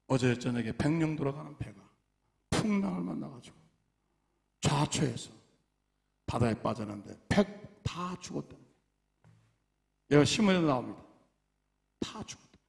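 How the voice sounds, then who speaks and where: A man preaching a sermon in a church, telling stories in an animated way with dramatic swings in loudness. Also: mid-range voice, creaky. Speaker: pastor. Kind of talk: storytelling sermon.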